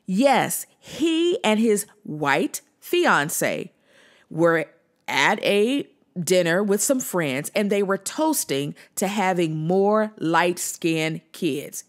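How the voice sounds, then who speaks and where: A woman's voice: on the low side, very animated, drawn-out words. A woman, a body liberation coach, giving earnest commentary to the camera, often repeating and restarting words for emphasis.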